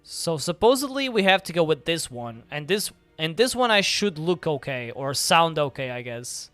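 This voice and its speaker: A young man chats casually during a live game stream, rambling with plenty of filler words. His voice is bright and crisp, sitting a little high. Faint game music plays behind him. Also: sing-song, moderate pace, dry recording.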